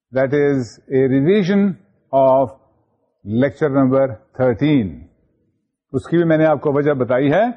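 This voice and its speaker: A male lecturer with a Pakistani accent talks students through a recorded lesson in a patient, repetitive way. His voice sits fairly high for a man, and the recording is dull and muffled. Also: a little mellow. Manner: patient, repetitive teaching, mixing in English terms. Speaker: university lecturer. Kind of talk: recorded distance-learning lecture.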